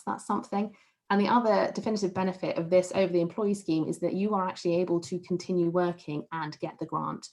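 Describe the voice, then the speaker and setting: Measured woman explaining tax rules. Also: fairly low pitch, a little mellow. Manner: clear, measured, professional explaining. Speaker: panel expert on employment and tax. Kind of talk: online panel Q&A answer.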